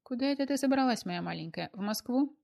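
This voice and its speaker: A woman's voice: on the high side, lively intonation, quick pace, gravelly, a little mellow, pitched above the performer's own voice. A woman voicing a sullen young man who speaks in a sugary, lisping tone with menace underneath. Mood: cloying menace.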